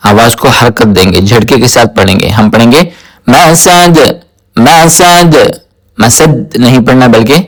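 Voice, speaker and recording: A man teaching tajweed word by word, slowly explaining rules and repeating each word several times in a chanted recitation. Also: mid-range voice, steady tone. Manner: spoken explanation alternating with melodic chanted recitation. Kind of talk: word-by-word tajweed pronunciation lesson.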